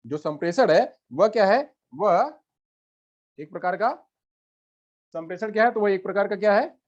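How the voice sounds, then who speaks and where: A male teacher giving a lecture, asking questions and answering them himself, with lots of repetition. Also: sits high. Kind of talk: classroom lecture. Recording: lo-fi muffled recording.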